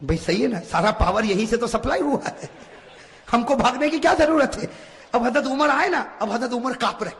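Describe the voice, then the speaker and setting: High-voiced man preaching in an echoing hall. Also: animated. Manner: emphatic, swings from low asides to shouting; addresses audience directly, asks them to repeat. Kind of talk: religious sermon. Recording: reverberant hall.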